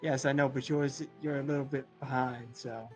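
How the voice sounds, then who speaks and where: Casual male gamer over loud music. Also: medium pitch, steady tone, moderate pace. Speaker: video game streamer. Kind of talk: casual gaming chat.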